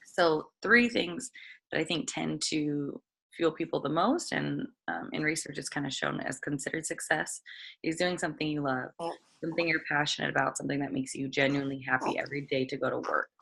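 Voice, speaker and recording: A young woman with a raspy voice giving a casual motivational training talk to her team, chatty with many pauses and restarts. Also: sits low, fairly even intonation, a bit bright.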